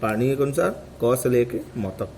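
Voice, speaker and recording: A man teaching a grammar lesson, asking questions and answering them himself, repeating each term slowly to drill it. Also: medium pitch, expressive, a little mellow, a little hiss or hum. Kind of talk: classroom lecture.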